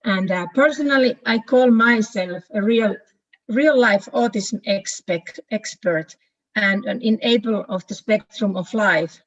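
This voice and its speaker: A woman's voice: medium pitch, a little slow. Woman on a dull call line. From Finland. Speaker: project manager. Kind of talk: online meeting presentation.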